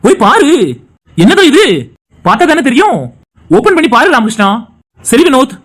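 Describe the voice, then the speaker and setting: An actor voicing a group of cheerful young male friends in an animated family drama, trading lively, teasing banter. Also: high voice, normal speed. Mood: warm. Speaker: cartoon voice actor.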